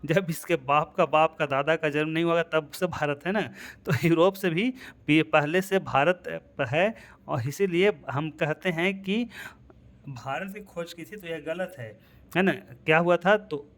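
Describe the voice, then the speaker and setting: A man's voice: a little high, unhurried, a bit bright. A man teaching an exam-prep history lesson. He keeps asking "है ना" and chuckles at his own memory tricks. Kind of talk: lecture.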